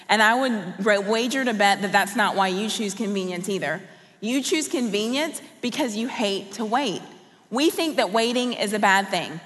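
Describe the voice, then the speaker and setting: A woman's voice: fairly high pitch, fairly bright tone, in a large hall. A woman raised in Colombia giving a sermon as a guest speaker, talking in a personal, conversational way and asking the audience questions. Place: large church auditorium.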